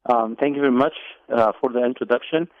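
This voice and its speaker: Radio guest, male, from Egypt, measured storyteller, phone-line sound. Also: medium pitch, dry recording. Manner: deliberate, with repeated words and fillers. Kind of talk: telling his life story on a radio call-in. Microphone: telephone.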